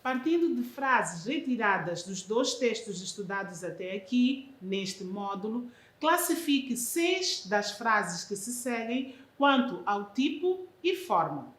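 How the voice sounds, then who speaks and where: A woman teacher reads a grammar lesson at an unhurried, deliberate pace. Her voice rises and falls in lively swings as she walks through each point. The recording carries a noticeable echo from the room. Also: mid-range voice. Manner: slow, careful classroom delivery.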